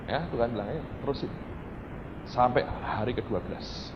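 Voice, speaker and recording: A man preaching a sermon, telling a story in a lively way that swings from quiet asides to shouted excitement. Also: mid-range voice, moderate pace, noisy background. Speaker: pastor. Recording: dull lo-fi church hall recording with echo.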